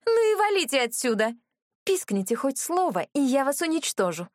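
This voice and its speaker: A woman voicing a haughty, crazed young noblewoman villain who talks in a shrill, domineering, threatening way. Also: expressive, moderate pace, dry recording, clean studio sound. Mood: raging.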